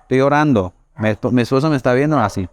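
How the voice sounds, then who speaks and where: A man's voice: mid-range voice, fast. A man from Colombia preaching to a youth meeting in a conversational way, illustrating with quoted inner thoughts. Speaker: youth pastor.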